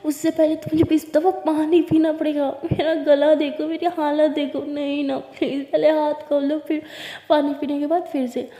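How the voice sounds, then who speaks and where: A woman's voice: high voice, fairly even intonation, moderate pace, creaky, mellow. A woman voicing Lakshmi, a playful young woman who teases and then pleads with her lover, in whispered role-play. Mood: pleading. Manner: pleading, coaxing. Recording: roomy reverberant echo.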